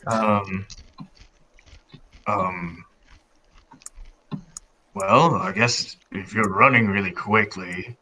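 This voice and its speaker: A man voicing a calm, guarded young martial artist in a tabletop role-play. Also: lowish voice, very slow, long pauses, slight background noise, heavily acted, rough recording. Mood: teasing.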